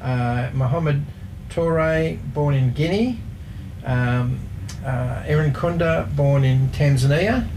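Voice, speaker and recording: A man talks football in a relaxed radio chat, slowly and haltingly, with plenty of ums. His voice is gravelly and creaky. A clear hum of background noise runs under him. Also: on the high side. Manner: slow, hesitant, many fillers, reading off facts. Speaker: football pundit.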